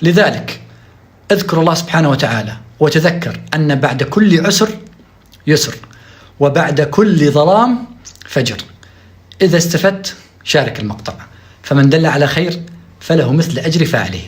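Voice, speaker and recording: Guy preaching, fairly high voice, pushy and urgent. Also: lively intonation, normal speed, long pauses. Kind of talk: religious exhortation.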